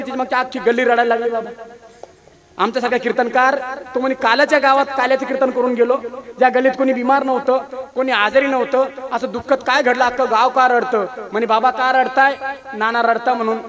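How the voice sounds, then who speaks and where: A man's voice: extremely high pitch, flat delivery, fast. A man, preaching a comic devotional sermon at a village gathering. He tells the story through repeated phrases and calls out to the accompanists by name. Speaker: kirtan preacher. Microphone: public address sound system. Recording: live crowd audible behind.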